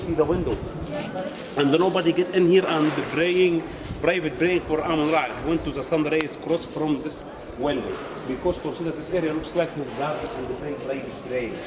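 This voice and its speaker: A man's voice: on the high side, moderate pace. Male tour guide, broken English, echoey noisy temple. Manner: broken English, pointing things out. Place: inside an ancient stone temple. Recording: echoey with background noise.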